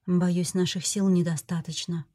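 A woman reading the part of a kind elderly male healer in an audiobook, calm and instructive, with no strong change from her own voice. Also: on the low side, a little slow. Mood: grave.

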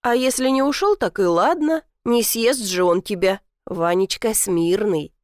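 A woman's voice: medium pitch, lively intonation, unhurried, no room sound, studio quality, natural voice. A woman voicing a teasing, doting old village grandmother who talks in a folksy, sly way.

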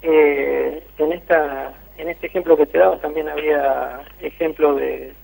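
A man with an Argentine Spanish accent, his voice on the high side yet darkish and creaky, speaks in a steady, unhurried tone. He's reporting over a tinny phone line for a radio interview, hesitating with many fillers and restarts.

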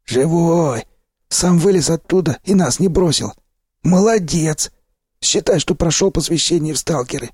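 A man reading an audiobook, voicing a hoarse, gruff male stalker who leads the group. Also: fairly high pitch, unhurried, a little mellow, no echo, studio quality, voice pushed up. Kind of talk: audiobook character voice.

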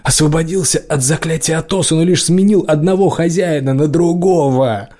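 Hoarse desperate young magician, a man reading. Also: fairly low pitch, takes it slowly, darkish tone. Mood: desperate pleading. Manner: desperate, pleading. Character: young male magician, captive, pleading in pain.

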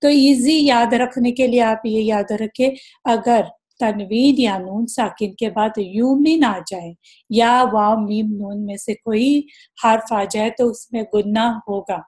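A woman teaching a recitation lesson, patiently explaining rules and demonstrating examples slowly. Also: on the high side, darkish tone. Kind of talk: tajweed lesson.

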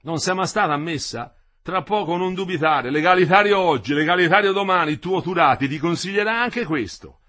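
A man's voice: high voice, animated, fairly quick, sharp tone, voice pushed up, full character voice. A man voicing a wry, dying old builder. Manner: wry, teasing, later gasping and delirious. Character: old weary Florentine builder, dying after a fall.

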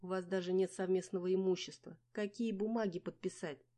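A woman's voice: on the low side, fairly even intonation, fairly quick, dark tone, pitched above the performer's own voice, lightly acted. A woman reading an audiobook voices a blunt young female best friend who scolds and insists. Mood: bossy.

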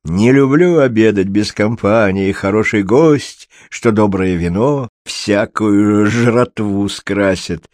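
A man voicing a jovial, hearty traveling showman in an audiobook who talks loudly and jokes in rhyme. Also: on the low side, slow, hardly any pauses, no echo, clean studio sound. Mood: hospitable. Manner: boisterous, loud and jokey.

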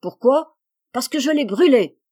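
A woman's voice: sits high, unhurried, mellow, voice pushed up. A woman reading aloud, voicing a spiteful, defiant young girl in a storybook.

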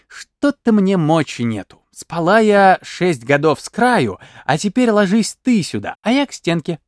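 A man voicing a sly peasant aunt who coaxes and scolds in a raised, lively voice. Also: high voice, unhurried, no room sound, studio quality. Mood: coaxing. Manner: coaxing, scolding.

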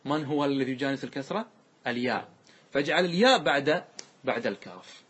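Acting as a sheikh, a man teaches classical grammar step by step, often making sure listeners are following and reciting example words slowly and drawn out. His medium-pitched voice is expressive and a bit bright, with a breathy edge.

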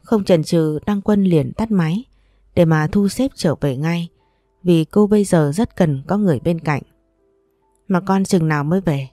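A woman's voice: fairly low pitch, normal speed, warm tone, no echo, studio quality, faint music behind. A woman telling a sad family story aloud, reading narration and speaking every character's lines in her own voice. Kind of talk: storytelling narration with acted dialogue.

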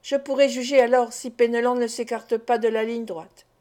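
A grave, commanding old captain, read aloud by a woman. He lays out plans with calm authority. His voice sits a little high for a man. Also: normal speed, close to an everyday voice. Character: worried older father, ship captain.

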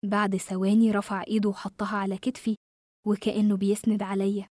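A woman with an Egyptian Arabic accent narrating a horror story in a steady, suspenseful tone. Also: medium pitch, quick pace, dry recording, clean studio sound.

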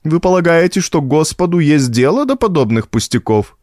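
A man's voice: on the high side, big pitch swings, normal speed, darkish tone, no echo, clean studio sound, pitched above the performer's own voice. Storybook: hulking, jumpy, defensive man read by a male narrator, sarcastic. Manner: blustering, sarcastic. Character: giant former postmaster, defensive, scared.

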